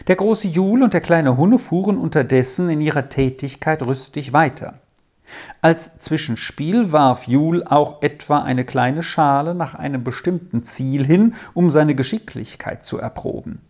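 A reader narrating a classic children's story in an expressive, unhurried way. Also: medium pitch. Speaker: audiobook reader.

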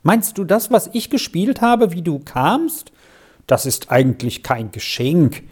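A narrator voicing an eager, talkative little girl who plays the piano, with a raised, lively voice. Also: mid-range voice, husky, pitched above the performer's own voice. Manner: bright, talkative, quick to explain. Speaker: child musician.

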